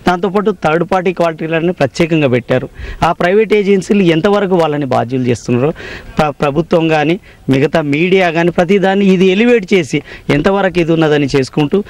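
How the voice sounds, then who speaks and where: A male engineer speaks in a deliberate, technical way and sounds aggrieved. His voice is fairly high. The recording is dry and close. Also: darkish tone, dry recording. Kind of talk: interview statement.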